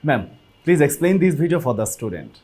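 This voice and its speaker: A man's voice: fairly high pitch, big pitch swings, takes it slowly, a little mellow. A man hosting a classroom lesson. He mixes Bengali with English and speaks directly to the students. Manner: upbeat, addresses students directly. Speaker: classroom program host.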